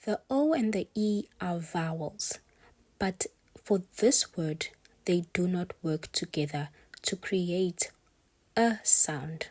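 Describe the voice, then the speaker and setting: A woman teaching an online English lesson in a slow, deliberate way, warmly addressing her young viewers as her steppers. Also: lowish voice, dry recording.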